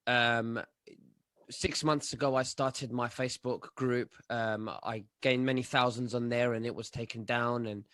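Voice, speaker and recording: Man, thirties, halting with fillers, dry close sound, remote call. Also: mid-range voice, steady tone, a bit bright, dry recording. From London, England. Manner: halting, many fillers and restarts. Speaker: guest, online commentator. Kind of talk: casual interview answers.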